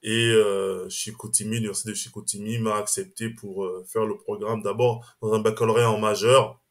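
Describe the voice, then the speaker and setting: A man's voice: lowish voice, flat delivery, fairly quick. Hesitant man, podcast guest. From Strasbourg, France. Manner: hesitant, restarts phrases, says "on va dire" often. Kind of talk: casual interview chat.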